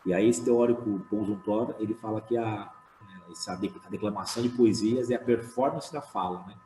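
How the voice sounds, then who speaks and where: Man, slam poet on a panel, low mellow voice, chatty with fillers, echoey room with faint music. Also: normal speed. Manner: casual, many fillers, animated when retelling. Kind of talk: online panel talk. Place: home room.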